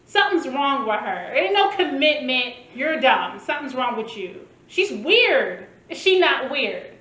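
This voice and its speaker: High, lively blunt woman in an echoey room. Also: a little slow. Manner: animated, blunt, mock-quoting people in exaggerated voices. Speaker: co-host reviewing a reality show. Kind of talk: casual podcast chat.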